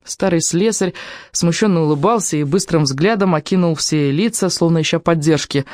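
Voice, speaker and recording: Audiobook narrator, measured and even, dry close read. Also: mid-range voice, no room sound. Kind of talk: scripted narration.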